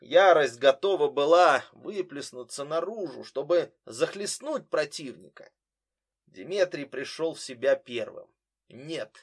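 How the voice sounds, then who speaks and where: A man narrating a novel aloud in a steady, measured reading. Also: on the high side, breathy edge. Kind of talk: audiobook narration.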